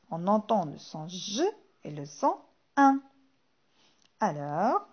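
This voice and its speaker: Slow, lively-voiced woman teaching phonics. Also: fairly high pitch, muffled recording. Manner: slow, clearly articulated, repeats each word twice. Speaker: primary school teacher. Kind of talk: slow phonics lesson for young children.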